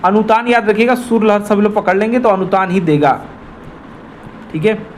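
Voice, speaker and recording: Man, high voice, exam tutor talking viewers through a quiz, repeats the key answers, faint hiss behind. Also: moderate pace. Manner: repetitive, addresses viewers as friends. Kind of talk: explanatory quiz walkthrough.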